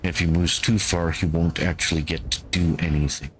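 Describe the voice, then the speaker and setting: A man giving calm gameplay commentary, thinking aloud and talking to his squad as he plays. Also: low voice, fairly quick, a little hiss or hum. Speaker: gameplay streamer.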